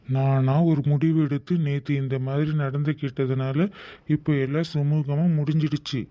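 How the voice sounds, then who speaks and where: A man's voice: on the high side, little pitch movement, normal speed, no room sound, close to an everyday voice. A man voicing a young husband in a cartoon drama, earnest and apologetic at heart and doting toward his wife. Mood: playful. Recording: dull, dry lo-fi recording.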